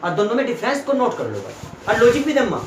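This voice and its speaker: A man's voice: very high-pitched, wildly swooping pitch, fast, a little hiss or hum. A young man tutoring students in a classroom, explaining chemistry step by step and often checking that they follow. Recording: echoey room.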